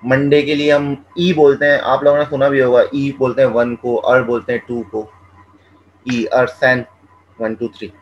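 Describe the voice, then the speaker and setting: A man teaching Chinese pronunciation, repeating each sound several times and explaining in a relaxed, conversational way. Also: medium pitch, muffled recording. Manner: drills each sound slowly, repeating syllables. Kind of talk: classroom-style language lesson.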